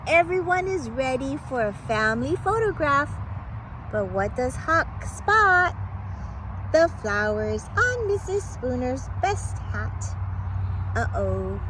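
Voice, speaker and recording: With some background noise present, a woman whose voice is fairly high reads a picture book to children. She tells it in a playful, theatrical way, with exclamations and pauses for suspense.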